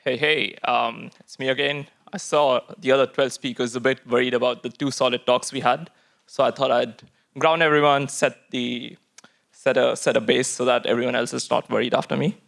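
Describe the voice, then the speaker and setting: Man giving a halting technical talk, creaky voice. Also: mid-range voice, fairly even intonation, fairly bright tone. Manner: halting, filler-heavy delivery with restarts. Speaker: tech lead giving a conference lightning talk. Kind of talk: informal technical presentation.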